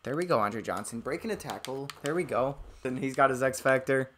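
A man giving live commentary on a football video game, excitable, dropping from low muttering to loud outbursts at the game. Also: a little fast, slight background noise. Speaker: gaming streamer.

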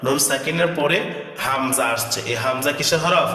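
A man teaching Quran reading, spelling out letters and explaining the rules, then slowly chanting the words in a drawn-out sung style. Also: mid-range voice, sharp tone, distant mic. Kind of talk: step-by-step tajweed lesson with chanted recitation. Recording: echoey hall, voice from afar.

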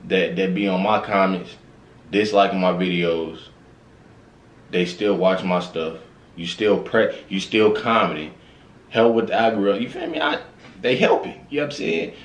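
This reaction video host, an American in his thirties, talks at normal speed in a lowish voice, casual and slangy, repeating himself often. Faint music plays in his small, roomy-sounding space with records hung on the wall.

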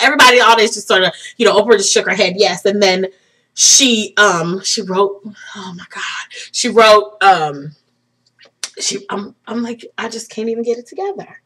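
A woman vlogger telling a story in casual chat, excitable and tearful, laughing and choking up as she talks. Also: a little high, slightly rough. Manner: excitable, gushing, breaks into laughter and tears.

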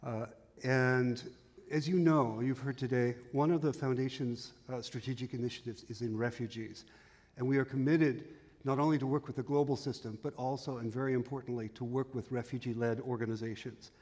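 A man in his fifties moderating a panel on a conference stage, speaking in a measured way with frequent fillers and restarts, on a headset mic. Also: medium pitch, fairly even intonation, a little mellow. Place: large conference hall stage. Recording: long hall reverb.

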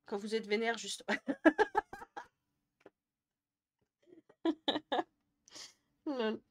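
A woman's voice: a little high, big pitch swings, drawn-out words. A young woman from the Jura chatting casually on a live stream, answering viewers' messages and laughing often. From Jura, France. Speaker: Twitch streamer.

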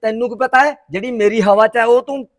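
A man's voice: very high voice, fairly quick. A man playing a boastful, defensive village father. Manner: defensive, self-important grumbling. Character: boastful village father chasing the sarpanch post.

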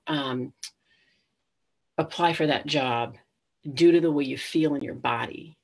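A woman's voice: sits low, slightly rough. A middle-aged woman hosting a live webinar, speaking conversationally and addressing listeners directly. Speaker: webinar host.

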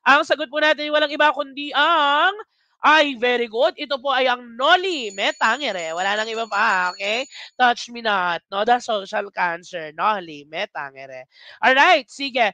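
A young adult exam reviewer from Pampanga runs a live online lecture in a bright, sharp voice. The delivery is chatty and animated, dotted with exclamations and quick tag questions. The sound is dry and close. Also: mid-range voice, no room sound. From Pampanga, Philippines.

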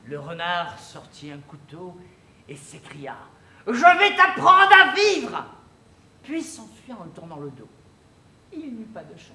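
An actor playing a pompous husband in a stage play, telling a fable with slow, theatrical delivery and sudden shrieked outbursts. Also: animated, fairly bright tone. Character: husband Mr Smith, pompous, proud of his wife. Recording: echoey theatre, faint rumble.

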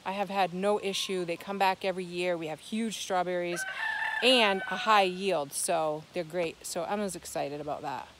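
A woman's voice: steady tone, normal speed. A middle-aged woman from Maine hosting a casual farm tour outdoors, chatting and explaining as she walks. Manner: chatty, coos at animals in a high voice. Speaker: farm vlog host. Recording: loud outdoor noise with clucking chickens.

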